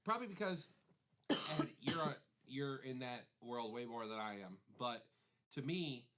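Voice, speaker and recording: A man's voice: medium pitch, expressive, unhurried, fairly bright tone, slight background noise. A man co-hosting a casual podcast, speaking with blunt opinions, many hesitations and playful pushback. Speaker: podcast co-host. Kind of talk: casual chat.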